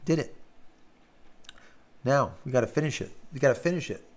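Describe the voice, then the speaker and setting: A man hosting a live stream in casual chat, blunt and quick to swear, his throat sore and worn after hours of talking. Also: mid-range voice, animated. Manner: blunt, ranting, swears freely.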